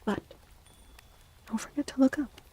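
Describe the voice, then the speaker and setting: Close to the mic, a woman streams an ASMR tarot reading in a soft voice, often dropping into a breathy whisper. Her manner is playful, cutesy and affectionate, and she never hurries.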